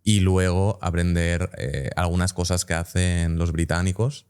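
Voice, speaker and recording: Deep smooth voiced host, asks long careful questions. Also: male voice, fairly even intonation, measured pace, a little mellow. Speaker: interview host. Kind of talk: interview questions.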